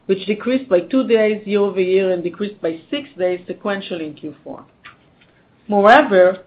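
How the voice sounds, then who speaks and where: An executive reads scripted quarterly results in a formal, stiff corporate delivery over a conference call line. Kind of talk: scripted earnings call presentation. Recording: narrow phone-line sound, faint rumbling noise.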